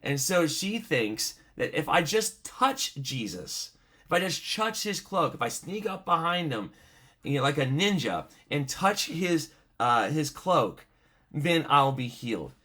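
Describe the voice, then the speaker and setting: A man's voice: a little high, big pitch swings, a little slow, pushed and bright, breathy edge. A man teaching a video bible study lesson in a conversational way, telling stories with lots of fillers. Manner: conversational, many fillers, storytelling asides.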